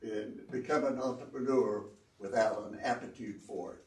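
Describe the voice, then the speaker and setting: A man's voice: medium pitch, fairly even intonation, moderate pace, a little mellow. An older man, a retired entrepreneur, giving an earnest, folksy talk to students and repeating phrases for emphasis. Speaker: guest speaker, entrepreneur. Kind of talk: informal talk to a student audience. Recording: roomy echo, distant mic.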